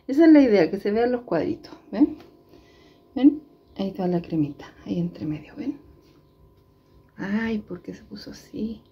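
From her kitchen, a Chilean woman vlogger chats casually with her viewers in a home cooking video, talking to them directly and often. Her medium-pitched voice has a lo-fi quality with a little hiss or hum.

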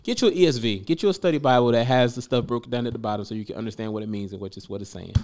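A man in his thirties co-hosting a faith podcast, relaxed and slangy, laughing often, on a boom mic in a small studio. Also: very fast. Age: 30s. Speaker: podcast co-host. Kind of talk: casual faith podcast conversation. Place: small studio room, indoors. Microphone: desk mic on boom arm.

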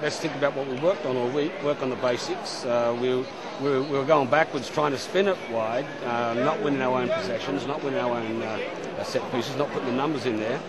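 An older man, a coach, giving a halting but upbeat post-match review full of pauses and fillers. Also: medium pitch, steady tone. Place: outdoor stadium, post-match. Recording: loud crowd noise behind.

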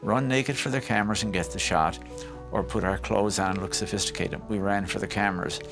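A former news cameraman telling a lively anecdote in an interview. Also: lowish voice, a little fast, vocal fry, over music. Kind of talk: interview storytelling.

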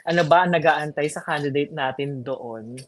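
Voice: mid-range voice, normal speed, a little hiss or hum. A chatty host in casual talk about pageants, giggling often between phrases. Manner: chatty, giggly, mixes English and Filipino. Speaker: vlog host. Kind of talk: casual pageant chat in Taglish.

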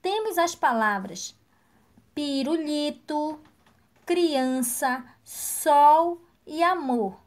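A woman teaching a recorded lesson to young children, slow and encouraging, praising each answer. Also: high voice, lively intonation. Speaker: primary school teacher.

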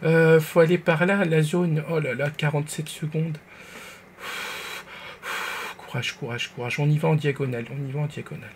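A man streaming a game live, talking to himself, jumping between hushed nervous murmurs and loud excited outbursts. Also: a little high, moderate pace, a little hiss or hum. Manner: jittery, talks to himself, whispers when nervous. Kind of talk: live gameplay commentary.

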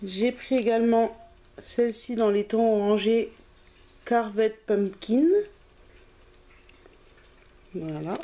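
A woman's voice: on the high side, normal speed, warm tone. A woman chatting casually through a craft haul video, self-deprecating and often hesitating. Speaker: craft vlogger.

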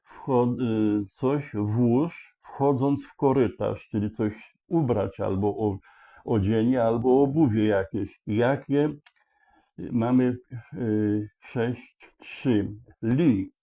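A man slowly walking through how to solve a word puzzle, thinking aloud with frequent hesitations and restarts. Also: medium pitch. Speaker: puzzle solver explaining a charade. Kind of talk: slow explanatory walkthrough. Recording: dull lo-fi sound.

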